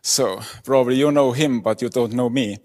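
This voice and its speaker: Guy doing a quick conference talk, lots of uh and um, big hall echo. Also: mid-range voice, darkish tone. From Estonia. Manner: plain, halting non-native English with many fillers. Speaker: conference speaker. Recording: long hall reverb.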